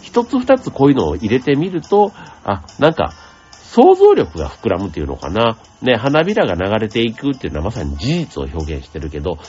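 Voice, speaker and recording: A man hosting a radio show, explaining things in a gentle, chatty way with many asides and fillers. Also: fairly low pitch, huge pitch swings, brisk, husky, muffled recording. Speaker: radio host. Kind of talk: casual explanatory radio talk.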